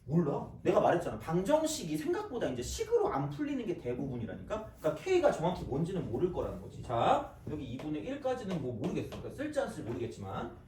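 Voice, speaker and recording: A man teaching math with a casual, joking manner, his voice swinging high and wide. He is picked up from across the room, with echo from the classroom walls. Faint background noise sits under his voice. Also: wildly swooping pitch, dark tone. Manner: casual, joking, talks straight to students with quick asides. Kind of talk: recorded classroom math lecture. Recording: echoey classroom, mic at a distance.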